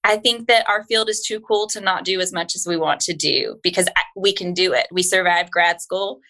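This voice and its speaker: Woman, slightly low pitch, bright forceful tone, earnest encouraging interview talk, informal. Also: normal speed. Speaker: podcast guest, school speech-language pathologist. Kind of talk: conversational interview.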